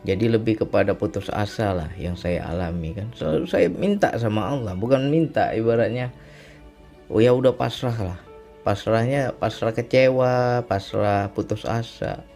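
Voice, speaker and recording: Man, low-pitched, warm and dark tone, reflective testimony, repetitive phrasing, faint background music. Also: expressive, moderate pace, gravelly. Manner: reflective, repetitive, often ends with "ya kan". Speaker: speaker sharing a personal testimony. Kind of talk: religious testimony talk.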